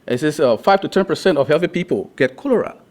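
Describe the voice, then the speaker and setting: A man's voice: fairly high pitch, lively intonation, quick pace, a little mellow. Young man from Liberia presenting to a class. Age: young adult. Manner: earnest, with frequent restarts and fillers. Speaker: student presenter.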